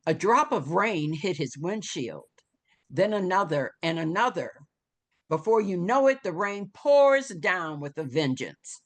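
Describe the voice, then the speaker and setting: Unhurried and dramatic, a woman with a lowish voice reads a screenplay's stage directions, delivering scene headings and action like a storyteller. Her pitch moves expressively throughout.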